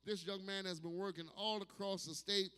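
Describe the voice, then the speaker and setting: A man hosting stand-up, his voice high and bright. He talks loud and profane and works the crowd hard. The mic carries a long hall reverb from the live venue. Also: steady tone, normal speed, clear, resonant tone. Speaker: comedy show host. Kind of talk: stand-up comedy. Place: comedy show at a distillery.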